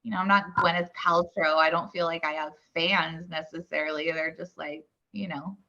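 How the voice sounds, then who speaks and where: A woman's voice: low-pitched, steady tone, moderate pace, gravelly, sharp tone, highs cut off. A woman in informal casual chat, an online video creator whose sentences are peppered with filler words.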